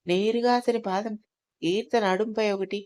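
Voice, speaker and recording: A woman narrating an audio drama story in a calm, even storytelling manner. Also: mid-range voice, moderate pace.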